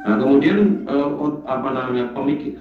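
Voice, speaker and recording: Preacher's voice breaking up online. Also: male voice, medium pitch, background noise. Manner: halting, with many fillers. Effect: voice breaking up over a poor online connection. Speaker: Islamic preacher. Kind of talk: online religious lecture. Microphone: online call. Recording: echoey, distant, dull audio with faint music.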